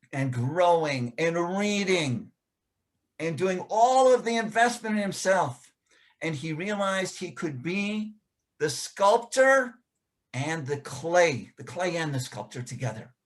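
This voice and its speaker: Slow, preacherly motivational speaker man. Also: on the high side. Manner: preacherly, repeats phrases for emphasis. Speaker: podcast guest. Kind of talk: motivational storytelling.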